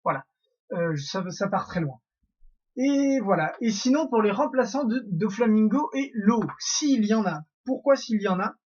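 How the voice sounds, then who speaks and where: A man's voice: sits high, lively intonation, moderate pace, a little mellow, slightly rough, muffled recording. A young man hosting a casual theory monologue, rambling with many fillers and restarts. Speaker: YouTube theory host.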